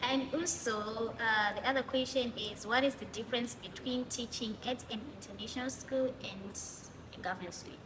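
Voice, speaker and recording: Reading from her list of questions, a chatty YouTube host based in Thailand interviews a guest for her casual vlog. She speaks in a fairly even, high-ish voice at a moderate pace with hardly any pauses, recorded in an echoey, noisy room with long reverb.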